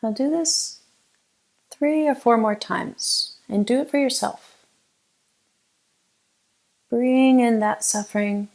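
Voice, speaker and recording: Her voice creaky and on the high side, a female teacher guides a meditation. She speaks gently and slowly, allowing long pauses between instructions.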